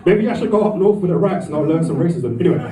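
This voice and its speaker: Guy in his 40s doing a rambling standup set, bit high voice, mic kinda far off. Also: very fast, a crowd in the background. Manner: rambling, self-deprecating, acts out voices with swearing. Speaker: stand-up comedian. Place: comedy club. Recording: echoey room, mic from far off.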